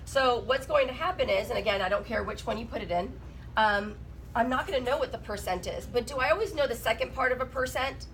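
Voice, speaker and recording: A woman's voice: on the high side, quick pace, a bit bright, a little hiss or hum, poor audio. A woman teaching a math class while sick. She asks her students questions and jokes with them. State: sick, rough voice. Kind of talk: classroom lesson.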